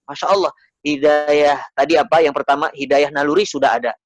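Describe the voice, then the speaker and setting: A man's voice: fairly high pitch, fairly even intonation, a little fast, dry recording. Conversational male preacher, dry sound. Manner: conversational, asks the audience questions, acts out voices. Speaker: Islamic preacher. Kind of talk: religious study lecture.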